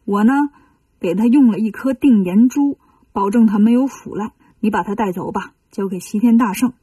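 Woman putting on a grumpy cheap old dragon king, low mumbly voice, mellow. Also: normal speed, breathy edge, dry recording, far from the mic, natural voice. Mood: grumbling. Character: stingy grumpy male well dragon king.

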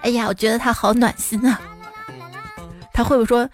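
A woman radio host with a voice on the high side speaks a little fast over faint background music. She reads listeners' funny stories about children, adding teasing comic asides and lively, playful imitations of the kids' lines.

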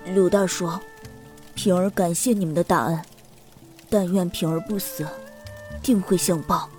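A timid little boy from a told story speaks in a raised, thin voice, slow and halting, as if barely daring to talk, as a male storyteller puts him on. His timbre sounds unlike the teller's own, with soft music faintly behind. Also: high-pitched, steady tone, voice pushed up. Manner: halting, shy, stammering. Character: timid grateful poor boy about eleven.

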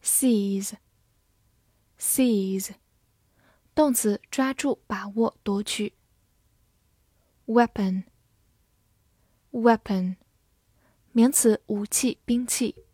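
A woman teaching English vocabulary in a scripted lesson, reading each word twice and then its meanings in an even way. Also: on the high side, breathy edge, dry recording, clean studio sound. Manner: slow, even reading of words and definitions.

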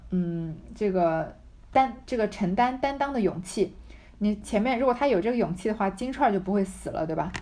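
A woman's voice: medium pitch, darkish tone. A woman reading a classic novel aloud and explaining it in a casual, chatty way, often correcting herself. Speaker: reader and commentator of a classic novel.

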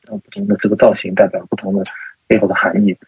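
Man, podcast guest, hesitant, lots of fillers, lower voice, dry dull recording. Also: level tone, rapid-fire, slightly rough, no echo. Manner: hesitant, many fillers and restarts. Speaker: guest, type researcher. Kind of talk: casual podcast conversation. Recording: dull lo-fi sound.

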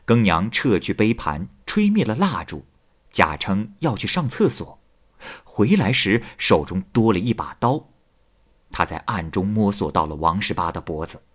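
A male storyteller recounts a classic tale with very animated rise and fall. His voice is low and husky, and he leans into the drama of each turn.

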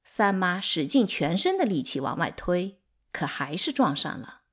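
A woman reading a novel aloud in calm, expressive narration. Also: lowish voice, normal speed, breathy edge. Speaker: audiobook narrator. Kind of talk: scripted narration.

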